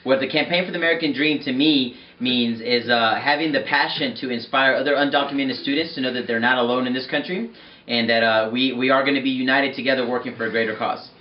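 Fast-talking young man in an echoey room. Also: medium pitch, fairly even intonation, muffled recording. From Mexico. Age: 20s. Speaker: activist giving a statement. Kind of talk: scripted statement to camera. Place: indoors before a curtain.

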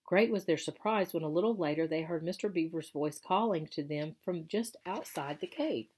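A woman teacher reading a children's novel aloud to her class in a measured, expressive storytelling voice. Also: low voice, slightly rough.

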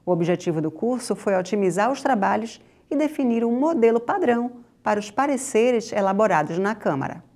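Brazilian woman anchoring the news, crisp read, mellow tone, tv studio. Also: on the high side, lively intonation, a little fast, few pauses. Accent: Brazilian Portuguese. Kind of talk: scripted news intro.

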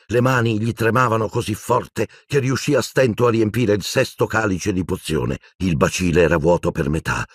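A man narrating an audiobook with dramatic, expressive storytelling into a close microphone. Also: on the low side, moderate pace, few pauses, slightly rough, no room sound.

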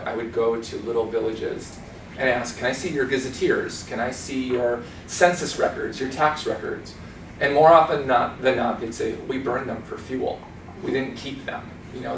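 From a distant camera in a small conference room comes roomy audio with a slight hiss or hum: a man in his forties with a mid-range voice giving a chatty, animated slide talk. He gestures a lot and does voices and accents while telling his stories.

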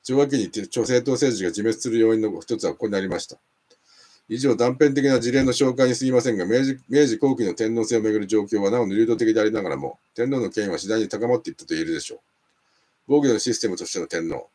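A man with a somewhat low voice reads a history book aloud. His delivery is steady and measured, as if working through the text line by line, with the odd stumble where he backs up and restarts a word. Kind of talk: reading a nonfiction book aloud.

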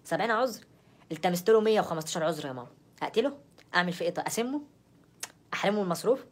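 A young woman with an Egyptian Arabic accent performs a comic phone-call sketch in a lowish, rapid-fire voice. She sounds exasperated and keeps repeating herself.

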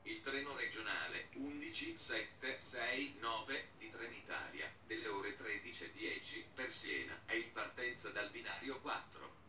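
In a railway station, a man with a lowish voice reads a flat, formal announcement over the public address, pacing it in measured chunks and giving names as separate segments. The PA sounds bright, roomy and distant, with station noise behind.

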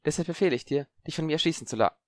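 A man's voice: a little high, racing, pitched above the performer's own voice, lightly acted. A man doing a smug scheming schoolboy. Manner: smug, superior. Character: smug, scheming young boy wizard. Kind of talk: audiobook character voice.

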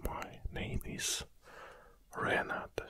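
This Kazakh man in his forties hosts an ASMR channel, whispering slowly, softly and up close with a Russian accent and small hesitations. He records in a small home studio on a stand-mounted condenser mic, wearing headphones.

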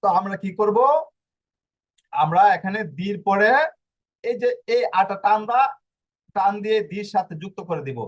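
A man's voice: sits high, moderate pace, lo-fi sound. A man teaching a language class online, explaining step by step and asking himself questions as he goes. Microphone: video call.

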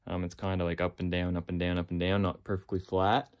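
A man's voice: deep voice, fast. A real estate agent, a man, giving a casual walk-through of an old stone basement, talking plainly with fillers as he goes, recorded on a handheld phone. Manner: relaxed, plain-spoken, thinking aloud with fillers. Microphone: phone camera held by the speaker, moving.

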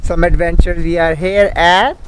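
A man's voice: sits high, steady tone, normal speed, poor audio. Chatty man vlogging to a handheld camera. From India. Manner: chatty, many fillers like "like" and "I mean". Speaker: travel vlogger. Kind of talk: casual vlog to camera. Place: outdoors and in a car. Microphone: handheld camera at arm's length.

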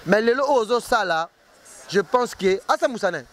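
A man with a notably high speaking voice answers interview questions. He talks emphatically, circles back on his own words, and keeps pressing his point in an easy, conversational flow. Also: lively intonation, moderate pace, fairly bright tone. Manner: emphatic, repeats words and restarts while arguing. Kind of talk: casual street interview.

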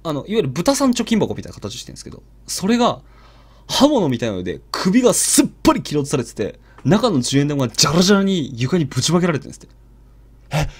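A man narrating a ghost story in a hushed, dramatic storytelling manner. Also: fairly high pitch, big pitch swings, racing, slightly rough. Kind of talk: live ghost story telling.

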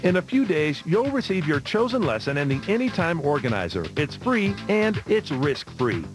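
Male infomercial announcer, hard sell, very lively intonation, emphatic and urgent, music underneath. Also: on the high side, moderate pace. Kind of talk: scripted hard-sell ad narration. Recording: music behind the voice. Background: background music.

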